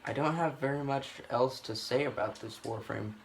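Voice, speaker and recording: A man's voice: mid-range voice, normal speed, vocal fry, slight background noise, low-quality recording. A man rambling through casual gameplay commentary, swearing freely and making self-deprecating asides. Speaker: gaming video host.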